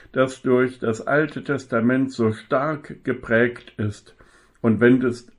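A male preacher delivers a sermon in a slow, deliberate rhythm. His voice sits at an ordinary middle pitch. He leans on key phrases and poses rhetorical questions to the congregation.

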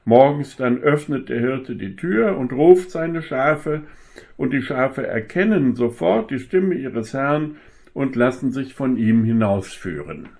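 A man preaching a sermon, speaking slowly and with emphasis and asking the listeners rhetorical questions. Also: mid-range voice, lively intonation, gravelly, a little mellow.

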